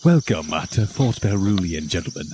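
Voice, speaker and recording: A man voicing a stoic older woman who commands a fort, speaking in a formal, measured way. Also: low voice, animated, warm tone, slight background noise.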